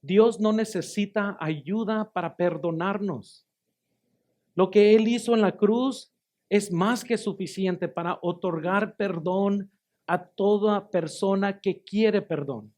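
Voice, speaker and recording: A man's voice: high-pitched, slow, a little mellow. A man, a pastor giving his testimony in a sermon, telling it emphatically and repeating phrases for stress. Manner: emphatic storytelling, addresses listeners as brothers.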